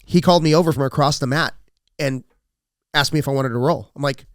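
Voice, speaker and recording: A man's voice: mid-range voice, fast talker, clear, resonant tone, no echo, clean studio sound. Laid-back man telling gym stories. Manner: laid-back, storytelling, often restarts and laughs. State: sick with a cold. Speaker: podcast co-host, jiu-jitsu gym owner and coach. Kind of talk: casual podcast chat.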